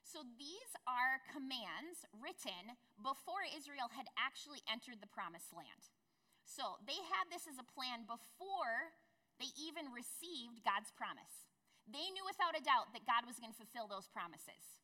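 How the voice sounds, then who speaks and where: Woman pastor preaching, kinda high bright voice, chatty asides to the crowd, big echoey church. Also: big pitch swings, unhurried. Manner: conversational preaching with asides to the congregation. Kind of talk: sermon. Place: church sanctuary.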